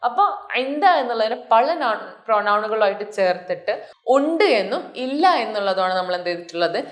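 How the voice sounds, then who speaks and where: Lively-voiced woman teaching a language lesson. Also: mid-range voice. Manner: explains slowly, repeating example phrases. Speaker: Arabic teacher.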